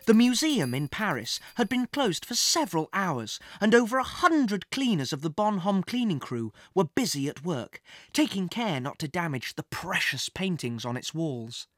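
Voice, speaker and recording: A woman narrating a children's adventure story in an expressive storybook reading style. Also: lowish voice, moderate pace, no room sound, studio quality. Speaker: audiobook narrator.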